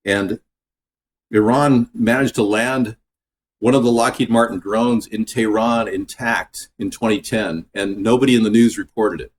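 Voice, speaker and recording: Man with a lowish voice, home cook, loose and digressive, talking to camera in his kitchen. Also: measured pace, a little hiss or hum. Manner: rambling, drifts off topic mid-recipe; relaxed, filler-heavy talk. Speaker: home cooking host. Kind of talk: casual cooking vlog chat.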